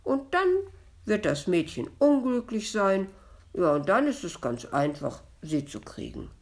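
A woman's voice: medium pitch, sing-song, a little slow, voice pushed up. A woman voicing the ghost of a young girl, whiny, touchy and plaintive, in a read-aloud story. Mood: scheming.

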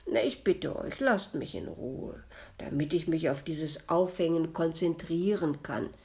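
A woman's voice: on the low side, very animated, slow, creaky, darkish tone, exaggerated voice. Woman putting on a whiny scheming girl ghost. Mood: plaintive. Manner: whiny, touchy, plaintive.

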